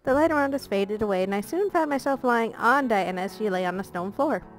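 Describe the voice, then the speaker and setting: A woman narrating a visual novel let's play aloud, her voice slightly high. She reads the story playfully and keeps breaking off for jokey asides. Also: animated, fairly quick, soft background music, low-quality recording.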